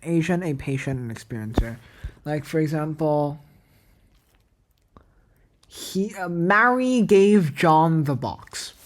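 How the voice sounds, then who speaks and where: Speaking slowly and pausing often, this woman has a deep, animated voice. Her first language is Cantonese, and she's a language creator musing aloud at her computer during a screen recording, working out a made-up language with plenty of fillers as she rambles and questions her own ideas.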